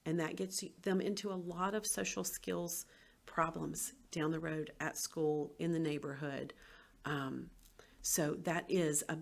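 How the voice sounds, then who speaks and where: A woman's voice: low-pitched, fairly even intonation, a little slow, creaky. A woman, a former teacher, giving an educational presentation and acting out tones of voice as she explains.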